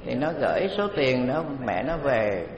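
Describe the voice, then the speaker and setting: A man giving a Buddhist dharma talk, unhurried and conversational, with many pauses. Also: medium pitch, sing-song, highs cut off, a little hiss or hum. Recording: echoey hall, faint background ambience.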